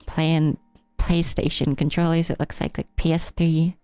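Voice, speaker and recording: A live streamer from the Rocky Mountain area of the United States casually commentates a game, musing and easily amused, with video game music behind her. Her voice is low, warm and clean, flat and unhurried, with a slight speech impediment and a trained, affected silly style. There's no echo.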